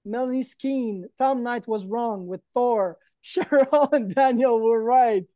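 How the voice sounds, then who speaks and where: Seated indoors before a green backdrop on a video call, a man aged thirties to forties co-hosts an online event with lighthearted, mock-earnest joking. His very high, mellow voice moves slowly, with no echo.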